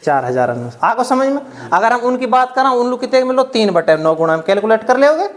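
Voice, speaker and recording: High-voiced math teacher. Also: male voice, big pitch swings, fast. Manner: repetitive, checks understanding often; counts out calculations aloud step by step. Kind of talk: exam-prep math lesson.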